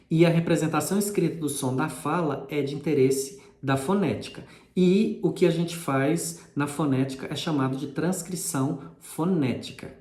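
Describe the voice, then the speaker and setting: A man's voice: on the high side, dark tone. A man, explaining linguistics in a patient lesson and repeating key terms. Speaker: linguistics teacher. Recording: echoey room.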